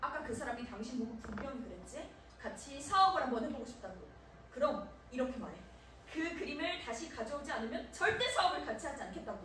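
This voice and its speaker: A woman acting in a live stage play as a shrill, argumentative middle-aged wife. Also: lively intonation, fast. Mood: scheming. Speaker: student stage actor. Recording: echoey hall, miked from far off, with faint noise.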